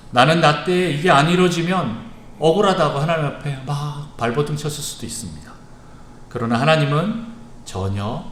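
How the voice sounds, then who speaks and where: A male pastor delivering an evening sermon in a church sanctuary, earnest and emphatic, with frequent pauses. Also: a little high, a bit bright. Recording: echoey church hall with faint background hiss.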